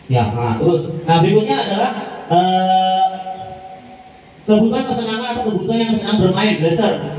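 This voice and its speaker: A man's voice: high-pitched, warm tone, a little hiss or hum. A man leading a workshop for teachers, chatty and informal, often turning to the audience and acting out how teachers talk. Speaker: teacher trainer presenting to teachers. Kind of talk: lively workshop presentation. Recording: echoey room recorded from a distance.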